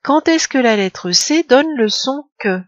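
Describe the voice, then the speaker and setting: A woman's voice: high-pitched, lively intonation, slow. A French-accented woman teaching a recorded spelling lesson, explaining step by step with fillers and small self-corrections. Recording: slightly dull, lo-fi sound.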